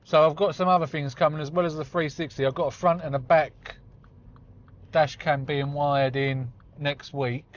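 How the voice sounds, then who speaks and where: A man's voice: a little high, steady tone, normal speed. Casual vlogger, man in his forties, chatty and self-deprecating, recorded in a car with dull sound. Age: 40s. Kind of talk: casual chat while driving. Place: inside a car on the road. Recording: slightly dull audio with faint road noise.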